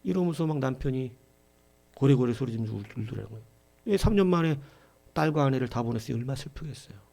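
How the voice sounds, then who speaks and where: A middle-aged male pastor preaching a Sunday sermon with passion, dropping to a hush and rising to shouts, acting out quoted voices. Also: medium pitch, animated, quick pace, vocal fry. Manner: impassioned preaching, swinging from hushed to shouting.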